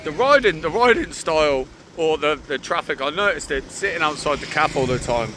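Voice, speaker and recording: A man's voice: fairly high pitch, expressive, fairly quick, faint music behind. A young British man talking casually to the camera as a travel vlogger, thinking aloud and calling everyone "mate". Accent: British English. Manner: chatty, thinking aloud, keeps saying "mate". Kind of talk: casual vlog talk to camera. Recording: loud street noise behind the voice.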